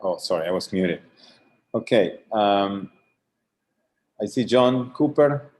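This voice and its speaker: A man's voice: on the low side, lively intonation, slow pace, darkish tone. A man running an online student review, casually thanking people and moving to the next presenter. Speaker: studio advisor. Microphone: video call.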